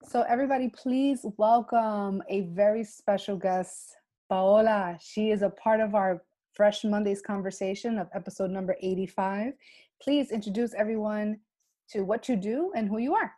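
A woman co-hosting a podcast, chatty and welcoming as she introduces a guest and asks questions. Her voice is mellow and warm in tone. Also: medium pitch, normal speed. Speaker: podcast host. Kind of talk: podcast conversation.

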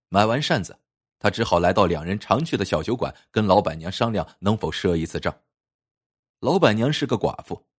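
A man narrating an old folk tale in an expressive, lilting storytelling way. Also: fairly low pitch, slightly rough.

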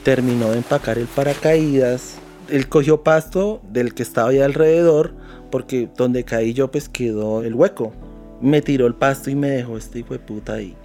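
A Colombian man recounts his own story in a loose, profane way, his voice mellow and dark. His pitch stays mid-range, and soft music plays faintly beneath him. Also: moderate pace. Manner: vivid, profane retelling. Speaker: interviewee, accident survivor. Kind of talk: personal testimony.

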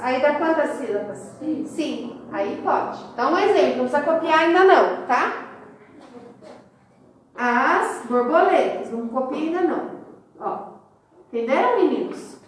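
A woman's voice: high voice, expressive, moderate pace, far from the mic, slight background noise. A woman teaching a class, explaining step by step and counting syllables aloud. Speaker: schoolteacher. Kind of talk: classroom instruction. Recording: echoey room, recorded from afar.

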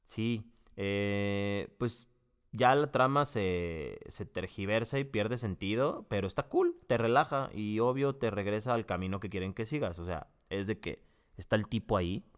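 A man's voice: on the low side, unhurried, clean tone. A man with a Mexican accent giving a casual, profane, rambling spoken review full of slang and restarts. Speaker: video reviewer.

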